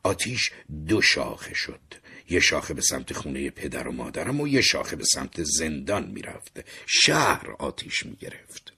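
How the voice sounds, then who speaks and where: A man narrating a dark first-person story in a theatrical way, sinking to whispers and rising in sudden bursts. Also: a bass voice, very animated. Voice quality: very husky.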